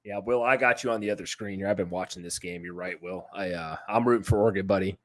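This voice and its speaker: A man's voice: deep voice, quick pace, fairly bright tone. A man co-hosting a live college football reaction show, fired up and swearing as he banters. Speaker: co-host. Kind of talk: live sports reaction chat.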